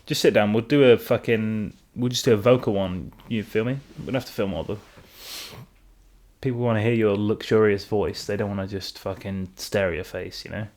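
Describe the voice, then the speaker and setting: A man's voice: lowish voice, moderate pace, a little mellow. A young man, hosting a casual chat podcast and talking in a loose, profane, filler-heavy drawl. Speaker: podcast host.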